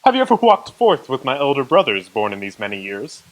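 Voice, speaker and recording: An actor playing the jolly giant Ghost of Christmas Present in a radio drama, hearty and laughing. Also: male voice, mid-range voice, wildly swooping pitch, a little fast, low-quality recording. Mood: jovial. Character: jolly booming giant Christmas spirit, male.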